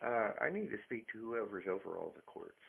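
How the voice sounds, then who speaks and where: A man's voice: on the low side, very animated, fairly quick, creaky, breathy edge. A man calling a court office, insistent and argumentative, repeating himself over a recorded phone line. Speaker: caller. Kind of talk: heated phone call. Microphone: telephone.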